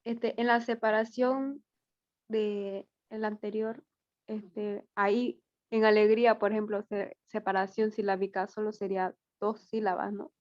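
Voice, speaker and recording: A woman's voice: medium pitch, level tone, a little slow, no room sound. Hesitant female student on a dull line. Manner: hesitant, uses fillers while asking. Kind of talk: question in an online class.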